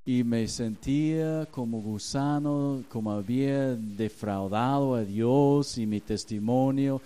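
Man, pastor, sermon, unhurried and mellow, acts out dialogue. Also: mid-range voice, clean tone. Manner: storytelling, acting out dialogue with God.

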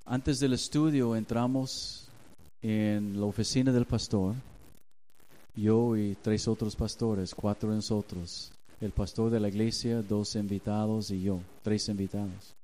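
Soft-spoken pastor preaching. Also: male voice, lowish voice, steady tone, measured pace. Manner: storytelling, acting out dialogue with God. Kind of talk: sermon.

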